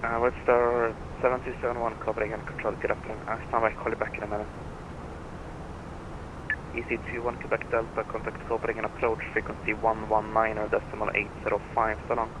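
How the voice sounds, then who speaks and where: A man's voice: completely flat delivery, fast. A man working as an air traffic controller, giving formulaic procedural instructions over the radio. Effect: radio transmission. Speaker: air traffic controller on a flight simulator network. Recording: rumbling, noisy radio channel.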